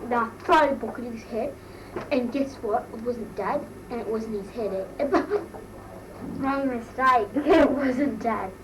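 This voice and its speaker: Speaking slowly and on the high side, this woman puts on an amateur comic take on a gossipy, bratty Australian schoolgirl "mole" in her teens. Her slangy, embarrassed anecdotes come out in a breathless drawl, full of mortified gossip, captured noisily on a far-off mic.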